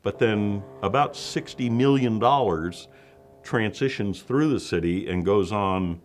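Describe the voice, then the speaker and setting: A man's voice: lowish voice, a little slow. A man speaking as a local official in a promotional interview, upbeat and boosterish.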